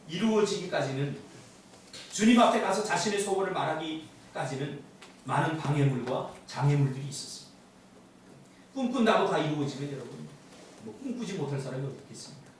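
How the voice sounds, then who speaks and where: A male pastor delivers an emphatic sermon, his high voice swinging up and down with animated energy. He is heard from a distance in a large, strongly reverberant church, with a faint hiss under the sound. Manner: emphatic preaching, acting out quoted voices. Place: church sanctuary. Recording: echoey hall from far off.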